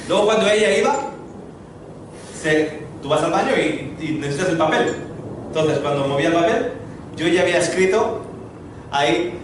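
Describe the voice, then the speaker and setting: Man, preacher, high voice, humorous sermon, very echoey hall, faint noise. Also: recorded from a distance. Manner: humorous storytelling, lively preaching to a congregation. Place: large hall before a congregation.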